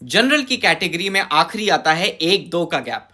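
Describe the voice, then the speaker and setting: A woman's voice: lowish voice, big pitch swings, a little slow, bright, forceful tone. A woman teaching kathak, explaining with care and reciting the dance syllables in rhythm.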